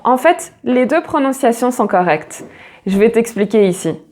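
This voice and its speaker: A woman teaching an online English pronunciation lesson, patient, repeating each English word slowly to model it. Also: fairly high pitch, animated, a little mellow, slight background noise.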